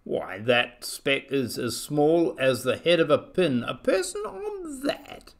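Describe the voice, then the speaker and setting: A man's voice: a little high, big pitch swings, slow, creaky, heavily acted. A man voicing a scornful, sour female kangaroo from a storybook, scoffing and dismissive. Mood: sour disbelief.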